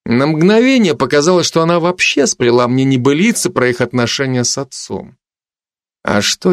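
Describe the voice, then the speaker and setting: A man narrating a first-person fantasy audiobook in a measured way, turning stern for commands. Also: mid-range voice, gravelly, no room sound, clean studio sound.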